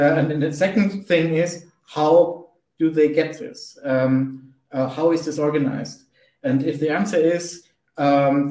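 A man with a German accent speaking as a panelist in a conference discussion over a video call, halting and searching for words. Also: fairly high pitch, darkish tone. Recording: roomy, distant video call audio.

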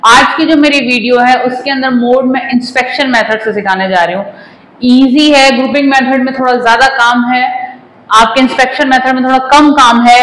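Woman teacher in her 40s, high voice, echoey classroom, explains step by step. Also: fairly bright tone. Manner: explanatory, mixes in English phrases, addresses students with "ji". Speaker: commerce teacher. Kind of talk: whiteboard maths lesson. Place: classroom in front of a whiteboard. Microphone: lapel mic.

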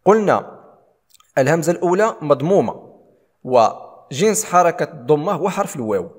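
A man's voice: fairly high pitch, very animated. Man teaching Quran recitation, reverberant hall. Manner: explains rules, then recites verses slowly and drawn out. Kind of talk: tajweed lesson with recitation.

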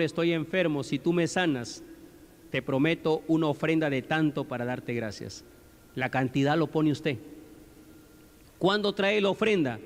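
A man's voice: fairly high pitch, darkish tone. A male pastor preaching in a conversational way, often asking the congregation questions. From Peru. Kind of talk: sermon. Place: church hall. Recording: long hall reverb.

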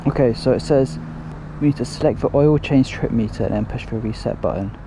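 A man's voice: medium pitch, brisk, creaky. A man chatting casually to camera as a motorcycle vlogger, explaining things step by step as he rides. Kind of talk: casual chat to camera while riding. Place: outdoors on a motorcycle by the road. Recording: faint road and traffic noise.

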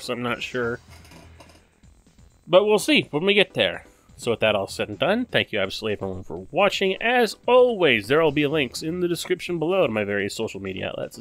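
A man hosting a let's play, commenting on a video game with excitable, yelping reactions. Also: on the high side, gravelly.

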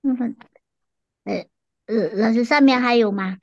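A woman student in an online class, speaking hesitantly with halting restarts over a video call. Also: fairly high pitch, darkish tone, no room sound. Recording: dull lo-fi call audio.

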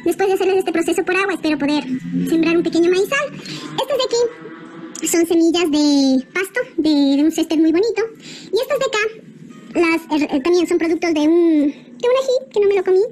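A young woman from Ecuador, chatty and informal, narrating a homemade show-and-tell video whose playback has been sped up into a squeaky, chipmunk-like voice. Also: expressive, brisk, darkish tone, slight background noise. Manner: chatty and informal, listing items one by one with small fillers. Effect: sped-up playback that raises the voice to a squeaky, chipmunk-like pitch. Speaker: workshop presenter.

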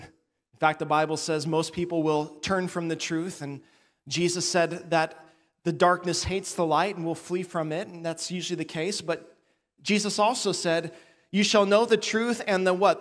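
A male pastor delivers a sermon with a fairly high voice, his preaching climbing in passion and emphasis. His words ring out with a long reverb in a church sanctuary. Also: steady tone, normal speed. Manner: impassioned preaching, rising and building in emphasis.

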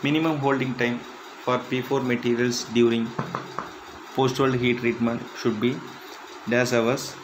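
A man reading interview questions and answers aloud in a plain, measured way, with slightly halting phrasing. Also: mid-range voice, noisy background. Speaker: instructor.

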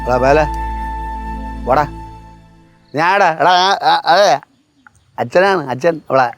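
A man's voice: on the high side, expressive, slow pace, soft background music. An actor playing a stubborn, drunk father who coaxes his daughter with doting baby talk. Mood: defiant. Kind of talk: sitcom acting.

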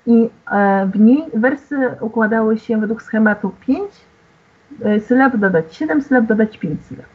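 Over a video call with thin, phone-like sound, a woman lectures online in a formal, patient way, frequently pausing on filler words. Her voice is slightly high and a little breathy, with lively intonation at a normal pace.

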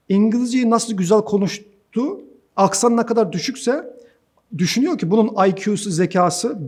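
Brief: male IT instructor, higher-pitched voice, chatty and animated, preaching advice straight to camera. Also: slightly rough. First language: Turkish. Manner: animated, preachy, chatty, addresses listeners as friends. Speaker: IT course instructor. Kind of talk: direct-to-camera advice talk.

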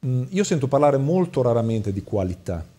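A man's voice: mid-range voice, big pitch swings, moderate pace, mellow. A man speaking as a doctor and studio guest on a talk show, critical and hesitant, with many fillers.

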